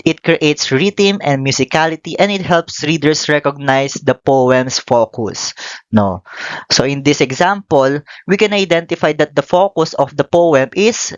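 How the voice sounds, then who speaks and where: Slow, measured teacher explaining a lesson. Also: medium pitch, no echo, highs cut off. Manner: measured explaining with frequent "okay" and "so". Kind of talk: classroom lesson.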